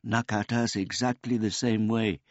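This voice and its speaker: Brief: a man putting on a gentle, simple-minded old man, polite and meek, voice raised well above his own, dull lo-fi sound. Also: lowish voice, fairly even intonation, normal speed, dry recording, voice pushed up, natural voice. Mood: earnest. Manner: talks of himself in the third person, meek and courteous.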